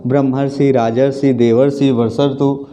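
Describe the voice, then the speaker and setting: Man, teacher, classroom lesson, mellow tone, question-and-answer drilling. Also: mid-range voice, little pitch movement, normal speed. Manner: calls students friends and sister, asks and repeats answers.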